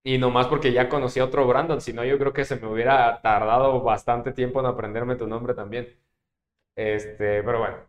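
A man's voice: mid-range voice, steady tone, moderate pace, highs cut off. Slangy young Mexican man, echoey room. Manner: slangy, rambling storyteller. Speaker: podcast host. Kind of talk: casual chat.

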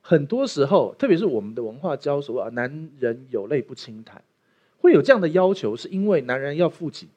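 A man's voice: fairly high pitch, sing-song, quick pace, few pauses, darkish tone, muffled recording. A man preaching a sermon as pastor, opening with a prayer and joking with the congregation. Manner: playful, jokey preaching with acted asides.

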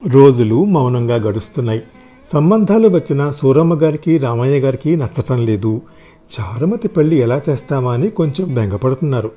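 Male storyteller, calm and measured, dark mellow tone over soft music. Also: mid-range voice. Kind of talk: reading a short story aloud.

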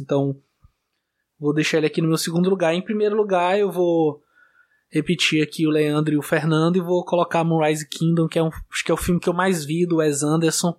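A man with a Brazilian Portuguese accent hosting a podcast in casual chat, talking in a relaxed way with small restarts. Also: on the high side. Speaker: podcast host.

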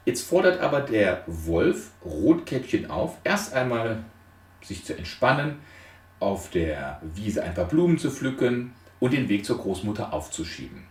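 A man's lowish, sing-song voice carries a slightly slow lecture on transactional analysis built around a retold fairy tale. He emphatically lists numbered points and raises rhetorical questions, recorded by a far-off microphone in an echoey space.

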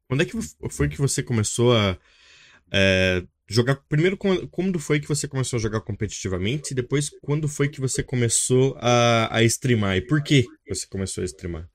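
A man's voice: mid-range voice, lively intonation, normal speed, no room sound. Guy host asking questions, kinda hesitant, dry mic. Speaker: interview host. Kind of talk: interview questions.

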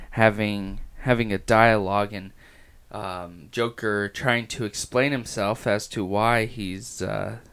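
On a casual podcast about comic books, the host talks in a raspy, low-sitting voice, stumbling through frequent pauses, fillers and false starts.

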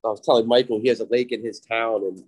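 A man's voice: medium pitch, fairly even intonation, a little mellow, slight background noise, poor audio. Easygoing man telling fishing stories. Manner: easygoing storyteller, joking, halting restarts. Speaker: podcast guest. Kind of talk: casual podcast chat.

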